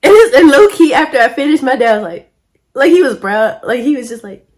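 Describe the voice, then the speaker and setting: A young woman vlogger telling a casual storytime in a slangy, animated way, laughing often. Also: sits high, brisk.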